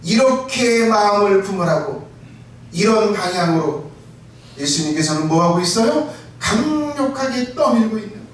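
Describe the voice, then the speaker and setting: A pastor preaching an impassioned sermon, often shouting for emphasis and acting out quoted words. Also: male voice, high-pitched, lively intonation, moderate pace, a little hiss or hum. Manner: acts out listeners' and Jesus' words in quotes. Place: church sanctuary. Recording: echoey church hall, mic far off.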